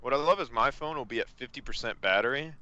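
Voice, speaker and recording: A man hosting a gaming livestream, rambling through jokey stories with a lively, bouncing delivery. His tone is bright and edgy, and the mic sounds dull and lo-fi. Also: mid-range voice, fast talker, no echo. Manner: joking, rambling storyteller. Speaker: streamer host. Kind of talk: casual gaming stream chat.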